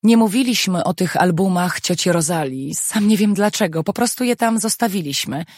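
A reader voicing an earnest young man, husky. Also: mid-range voice, expressive, dry recording, clean studio sound. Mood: explaining. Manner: hurried, eager. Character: young man, student-to-be, earnest and a bit defensive. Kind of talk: audiobook dialogue.

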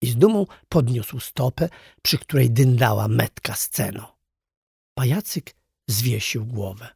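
A narrator reading a children's storybook chapter aloud in a lively, unhurried telling. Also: mid-range voice, gravelly, slightly rough, dry recording, studio quality. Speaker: audiobook narrator.

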